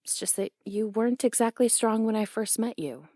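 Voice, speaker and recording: A young woman voicing a brash, teasing tomboy boxing coach in an audio role-play, blunt and quick to laugh. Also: fairly high pitch, warm tone, no echo, studio quality, lightly acted.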